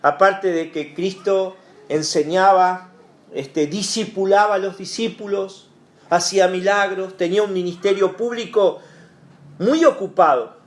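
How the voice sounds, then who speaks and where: Leading a Bible study in a church hall, a pastor speaks in an unhurried, steady tone, conversational and heavy on fillers and rhetorical asides. His voice is high for a man, and the hall rings with a clear echo.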